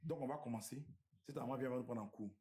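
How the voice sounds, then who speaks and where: A man's voice: medium pitch, fast talker, reverberant, natural voice. An actor playing a stern, authoritative older father-in-law with an Ivorian French accent who scolds firmly. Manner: firm, scolding, calm fatherly tone.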